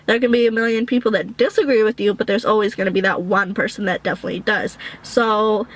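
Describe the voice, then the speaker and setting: A woman's voice: medium pitch, fairly even intonation, fast talker, poor audio. A woman vlogger chatting casually to her viewers in an informal, rambling, slangy way. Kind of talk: casual chit-chat to viewers, answering questions.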